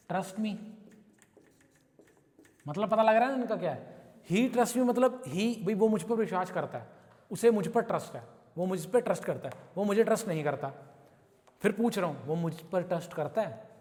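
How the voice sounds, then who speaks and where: A man's voice: sits high, a little mellow, long reverb tail. A man with an Indian accent teaching an English class in Hindi. He works through English example sentences and keeps checking in with his students. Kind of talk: classroom lesson. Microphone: camera recording the class.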